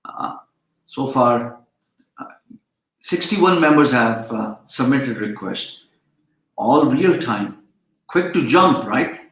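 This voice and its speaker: With a medium-pitched, fairly bright voice and lively intonation, this man speaks slowly and takes long pauses. He's a chatty online freelancing instructor, a native Urdu speaker, giving a casual live-stream lecture in an echoey room, rambling with many fillers and restarts.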